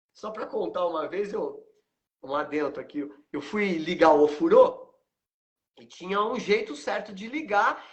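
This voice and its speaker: A man's voice: high voice, fairly bright tone. A Brazilian man in his fifties with a Brazilian Portuguese accent, hosting a live stream and telling stories animatedly, acting out the dialogue with frequent tag questions. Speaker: host, aikido teacher.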